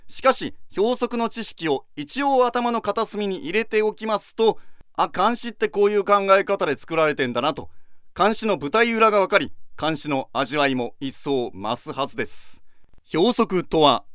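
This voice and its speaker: A man's voice: high-pitched, a bit bright, clean tone, no echo, studio quality. A man giving a patient, methodical lecture, repeating key points as he teaches. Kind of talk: explanatory lecture.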